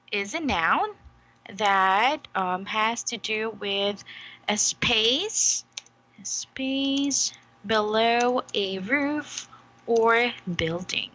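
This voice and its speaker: A woman teaches a one-on-one English lesson over a computer mic, unhurried and deliberate. Her voice is bright and forward, and she checks in with her student after nearly every phrase. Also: on the high side, animated, poor audio. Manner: patient, slow, frequent "okay?" checks.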